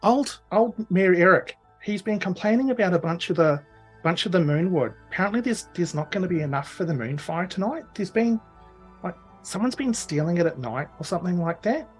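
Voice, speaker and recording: Brief: man as a scruffy gnome boy, hushed rumor-monger, pitched up a little. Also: animated, fairly quick, breathy edge, soft background music, rough recording. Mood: conspiratorial. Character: gnome boy, nose-picking, rumor-spreading.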